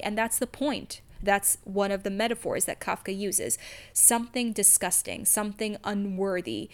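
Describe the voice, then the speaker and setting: Emphatic, candid woman in casual discussion. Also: medium pitch. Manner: emphatic, candid, swears freely. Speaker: podcast co-host.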